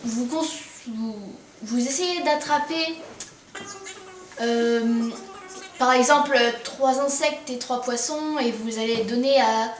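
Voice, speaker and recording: A woman co-host talks casually over a game in a slightly high voice. She is a little distant from the mic in an echoey room. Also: takes it slowly, slight background noise. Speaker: gaming video co-host.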